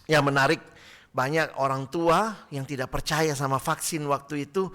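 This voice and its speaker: Bright-voiced male pastor telling a story. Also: a little high, normal speed. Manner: lively storytelling that acts out the people in the story. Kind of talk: sermon. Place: church.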